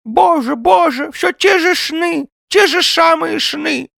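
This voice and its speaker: A man voicing a jittery whiskered old man who mumbles with a toothless lisp and frets in a shrill, wailing voice. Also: slow, creaky, sharp tone, no echo, studio quality, exaggerated voice.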